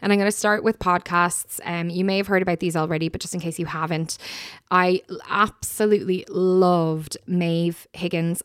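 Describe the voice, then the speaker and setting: A woman's voice: on the low side, clear, resonant tone, no echo, clean studio sound. A woman hosting a podcast, chatting casually, laughing often and giving listeners recommendations. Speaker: podcast host. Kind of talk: casual chat.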